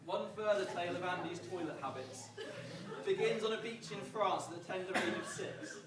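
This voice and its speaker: A man giving a prepared, humorous best man speech, projecting to the room with dry storytelling and pauses. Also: high-pitched, a loud crowd. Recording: echoey, distant, noisy event recording.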